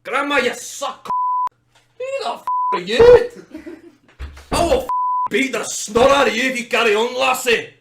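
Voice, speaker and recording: A man's voice: very high-pitched, lively intonation, moderate pace, pauses often. A man doing a cranky, brawling family dad. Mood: aggressive. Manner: gruff, swearing, blustering. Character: hot-tempered Scottish family man, crude. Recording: echoey room with noise.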